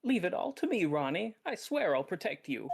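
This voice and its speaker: A woman's voice: lowish voice, very animated, normal speed, vocal fry, background noise, pitched above the performer's own voice. A woman voicing a doting, sly wife who swears to protect her husband, sugary and theatrical. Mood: sugary scheming.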